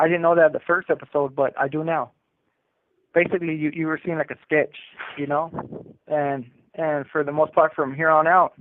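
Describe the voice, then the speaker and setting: Over a tinny, narrow prison phone line, a man reflects on his life, telling his story in an earnest, conversational way and often tagging on "you know" and "right." His voice is fairly high, with no echo, heard through a telephone handset.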